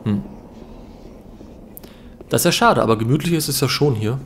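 Young man, let's player, medium pitch, casual musing gameplay commentary with faint background noise. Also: lively intonation, moderate pace. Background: game ambience.

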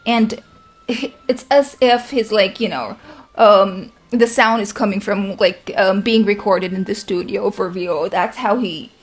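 A woman's voice: medium pitch, fairly even intonation, a little slow, husky. A woman reacting to a song as a vlogger, talking in a gushing, effusive way with lots of "like" and "you know". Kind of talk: casual reaction chat.

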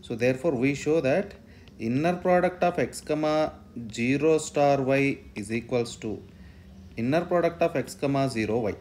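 A man's voice: medium pitch, normal speed, a little mellow, a little hiss or hum. A man lecturing on mathematics step by step, dictating and repeating phrases as he writes out the working. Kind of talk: step-by-step lecture while writing out a proof.

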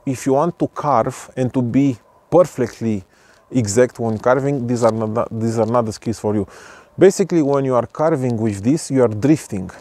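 A vlogger in his thirties reviews skis outdoors at the foot of a ski slope, talking hesitantly with many fillers and restarts. His mid-range voice is mellow, and the casual review is recorded dry by a camera on a tripod at medium distance.

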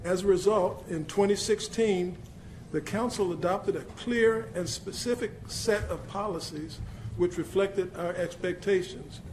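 Council official reading measured remarks. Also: male voice, sits high, a little hiss or hum, low-quality recording. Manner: measured, reads prepared remarks. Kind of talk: formal speech at a meeting. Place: city council chamber.

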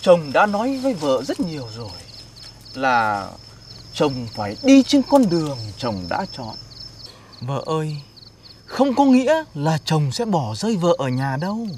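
A man's voice: a little high, wildly swooping pitch, measured pace, a little mellow, a little hiss or hum. A man playing a young village footballer, polite to elders and melodramatic with his wife. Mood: tender.

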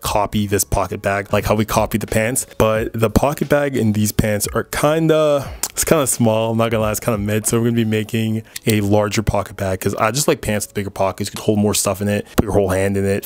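A young man hosting a casual sewing tutorial, talking in a relaxed, chatty way full of fillers. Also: fairly low pitch. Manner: relaxed, chatty, lots of fillers like "like" and "you know". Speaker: sewing channel host.

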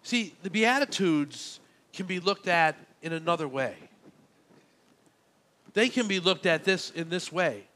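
Speaking a bit slowly with frequent pauses, a high-voiced pastor gives an animated sermon at church, his tone sharp, as he narrates a personal story and reenacts the exchange of dialogue.

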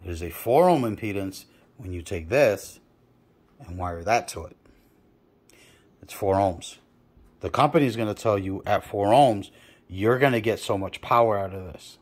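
A man's voice: on the low side, a little slow, pauses often. A man who installs car audio, explaining wiring and telling a customer story in a blunt, profane, casual way.

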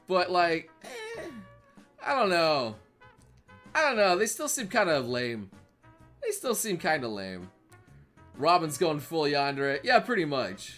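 A man's voice: high-pitched, a bit bright. A man streaming live and reacting to memes for his chat, rambling, repeating himself and swearing often.

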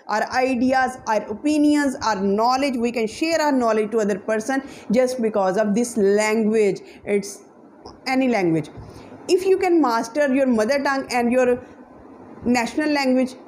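A young woman with a Pakistani accent, a native Punjabi speaker, gives an earnest, emphatic motivational talk to camera as an English teacher, seated on a sofa in an indoor room and using lots of hand gestures. Her voice is high-pitched and a little mellow, with slight background noise.

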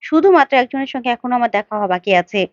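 A woman's voice: fairly high pitch, expressive, rapid-fire, no echo, muffled recording, lightly acted. A woman doing bossy, threatening young heroine. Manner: scolding, blunt and mocking.

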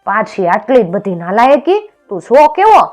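A woman voicing an angry, bullying male officer in a storybook tale, loud and scolding. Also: a little high, sing-song, a little slow, faint music behind, voice pushed up.

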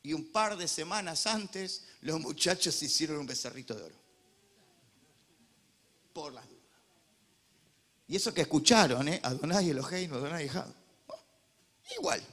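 A man with a Rioplatense Argentine accent preaching a sermon as pastor, joking, animated, and swinging from loud preaching to quiet asides. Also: medium pitch. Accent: Rioplatense Spanish.

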